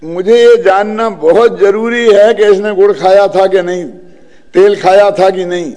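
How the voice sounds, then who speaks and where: A man's voice: high voice, fairly even intonation, unhurried, warm tone, in a large hall. An older Indian man giving a spiritual discourse, telling a true story and often checking that his listeners follow. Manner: storytelling, often asks the audience if they follow. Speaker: religious teacher.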